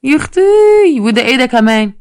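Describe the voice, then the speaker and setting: A woman's voice: mid-range voice, racing, no room sound, clean studio sound, close to an everyday voice. A woman voicing an exasperated young Egyptian pharmacist who answers customers sarcastically. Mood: exasperated, sarcastic.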